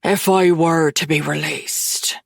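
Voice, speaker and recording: Casting: woman reading a cruel older Irish hitman, raspy growl, very slow and low. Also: steady tone, no room sound, studio quality, full character voice. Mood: menacing. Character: menacing older male Irish killer, gleeful and cruel.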